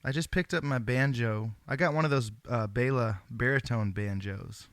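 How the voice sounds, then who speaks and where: A man with a smooth, resonant voice, recorded dry and close. He talks in a laid-back, earnest way, full of slang and the odd curse, as he hosts a relaxed chat. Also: mid-range voice, moderate pace, dry recording. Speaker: host. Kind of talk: casual phone chat.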